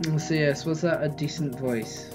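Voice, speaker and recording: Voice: mid-range voice, steady tone, moderate pace, music in the background. A live streamer giving casual commentary while playing a game, thinking aloud and answering chat.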